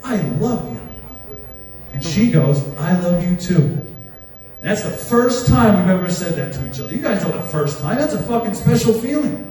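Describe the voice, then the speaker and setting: High lively guy doing crude standup, laughing at himself, big echoey hall, mic kinda far. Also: normal speed. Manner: crude, self-mocking storytelling with laughs. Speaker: stand-up comedian. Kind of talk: stand-up comedy set. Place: large hall with live audience.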